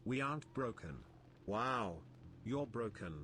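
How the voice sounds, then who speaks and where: A male robot-voice text-to-speech reading out short viewer messages in a slow, flat synthetic way. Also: medium pitch, a little hiss or hum.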